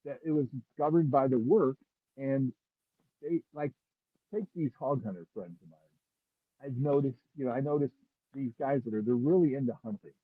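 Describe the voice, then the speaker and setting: A man's voice: medium pitch, normal speed, long pauses, dry recording. A man talking casually as a dog breeder on a remote call, rambling with many restarts, his voice muffled as if heard through a wall. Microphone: earbuds on a remote call. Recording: muffled, husky, dry, phone-like remote call.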